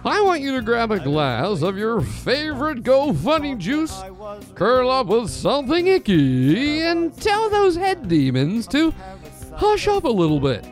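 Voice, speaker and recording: A man, the podcast host, voicing a theatrical old-time radio show announcer with a nasal voice and drawn-out showman delivery. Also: very high-pitched, wildly swooping pitch, faint music behind, pitched above the performer's own voice, full character voice. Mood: showy, spooky.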